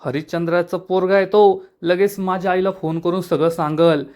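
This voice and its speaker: A man's voice: sits high, steady tone, normal speed, darkish tone, close to an everyday voice. A man voicing an irritated, stubborn young woman trying to escape a match. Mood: annoyed. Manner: annoyed, pleading.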